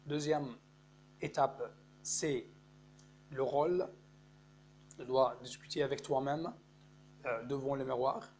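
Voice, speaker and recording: Slow, deliberate non-native French teacher. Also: male voice, mid-range voice, a little mellow. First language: Arabic. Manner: repeats words, checks in with "d'accord?". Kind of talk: slow explanatory lesson. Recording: faint mains hum.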